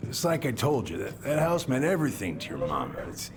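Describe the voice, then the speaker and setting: An actor playing a gruff, middle-aged American boat captain, grieving and defensive, in a dramatic video game. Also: male voice, mid-range voice, very animated, fairly quick, background noise. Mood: pleading.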